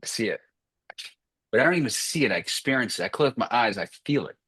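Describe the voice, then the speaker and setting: A man's voice: medium pitch, lively intonation, quick pace, pushed and bright, husky, no room sound. A man coaching sales closers on a group video call, blunt and profane, firing off short commands.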